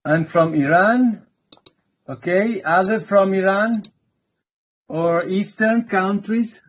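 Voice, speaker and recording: A man's voice: high voice, muffled recording. A man giving an online introductory university lecture, hesitant and full of fillers. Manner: slow, hesitant, many fillers.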